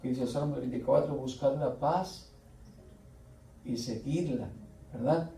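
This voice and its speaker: A middle-aged man preaching a slow, earnest sermon, often pausing and restarting. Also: medium pitch, vocal fry, dark tone. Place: church hall. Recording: echoey church room, voice from far off, faint music.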